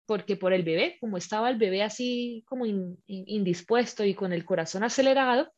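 A woman telling a personal story in casual chat, animated and acting out the scenes with her voice. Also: mid-range voice, fairly quick. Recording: slightly muffled lo-fi recording.

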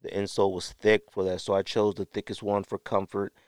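A man's voice: on the low side, little pitch movement, fairly quick, clean tone, no room sound, studio quality. A man hosting a sneaker podcast, talking casually and unscripted to the camera, rambling a little and correcting himself as he shows things. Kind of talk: casual show-and-tell talk to camera.

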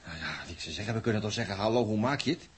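An actor playing a gruff, impatient male station crewman in a radio drama, brusque and teasing. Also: fairly low pitch, lively intonation, racing. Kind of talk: vintage radio drama acting.

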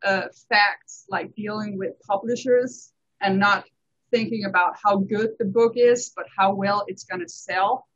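A woman from Denmark, a tax accountant chatting in an interview and telling lively stories with frequent laughter. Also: medium pitch, a little slow. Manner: animated storyteller, laughs often. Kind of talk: casual interview chat. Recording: dull lo-fi recording.

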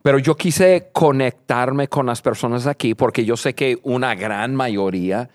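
A man's voice: medium pitch, unhurried, dry recording, studio quality. A man co-hosting a podcast who talks earnestly and repeats words as he builds a point. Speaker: podcast co-host.

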